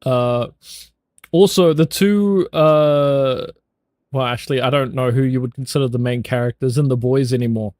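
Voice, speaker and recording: A man's voice: medium pitch, normal speed, a little mellow, no room sound. A young man with a New Zealand accent chatting casually with his viewers, loose and jokey, swearing freely and laughing often. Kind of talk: casual chat.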